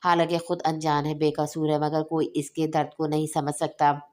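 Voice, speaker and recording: A woman reading aloud, voicing a grieving young man who speaks calmly and sadly. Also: low-pitched, normal speed, lightly acted. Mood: sorrowful. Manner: calm, sorrowful speech.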